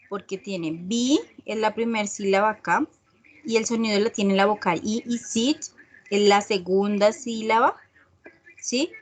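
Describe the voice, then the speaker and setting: A woman teaching an English class, explaining spelling rules step by step and checking often that students follow. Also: medium pitch. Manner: slow and patient, often checking with a questioning "¿sí?"; reads English examples slowly and deliberately.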